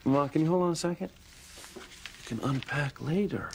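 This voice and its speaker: A man's voice: fairly high pitch, normal speed, darkish tone, natural voice. An actor playing an attentive, affectionate son in his thirties in a soap opera, casual, hesitant and reassuring. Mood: caring, flustered. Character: attentive, affectionate grown son and protective brother. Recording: clear background noise, clicks.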